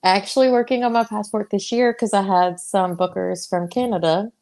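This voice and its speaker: A woman's voice: mid-range voice, fairly even intonation, moderate pace, darkish tone. A young woman with a Southern US accent, a wrestler chatting as a guest in a casual interview, laughing often and drawing out her words.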